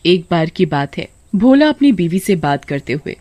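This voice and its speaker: Lively woman storyteller, dry sound. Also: on the low side, normal speed, no echo. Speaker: narrator. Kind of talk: scripted storytelling narration.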